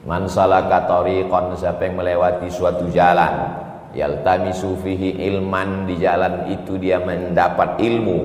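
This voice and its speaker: A man's voice: low-pitched, moderate pace. Man preaching in an echoey mosque. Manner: lively, teasing, lecturing with lists and jokes. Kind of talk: dawn mosque sermon.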